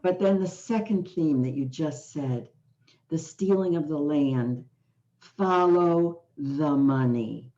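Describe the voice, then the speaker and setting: A woman's voice: low-pitched, mellow. A woman host from the United States in an interview conversation, speaking passionately and with strong emphasis. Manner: emphatic and passionate, slow and deliberate. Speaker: podcast host. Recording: dull lo-fi sound.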